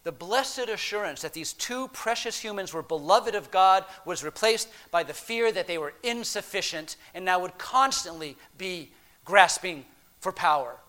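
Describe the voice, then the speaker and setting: A man preaching a sermon, swinging between hushed, drawn-out phrases and emphatic, raised passages. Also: high-pitched.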